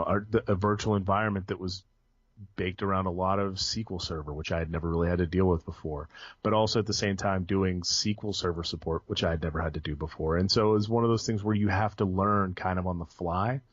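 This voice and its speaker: A young man with a deep voice, a podcast guest, talks casually about his IT work in a conversational interview, rambling with frequent ums, restarts and self-corrections. The podcast audio is dull, lo-fi and dry, with no room sound.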